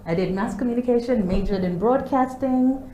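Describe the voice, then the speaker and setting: A woman's voice: a little high, moderate pace, mellow. A Ugandan woman in her forties, a guest answering interview questions and laughing now and then. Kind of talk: interview conversation. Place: studio. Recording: echoey studio with faint noise.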